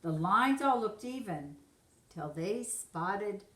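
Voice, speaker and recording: Reading slowly in a pushed, bright, animated mid-range voice, this woman delivers a rhyming storybook expressively, much as a teacher would for small children. Her voice echoes in a roomy space.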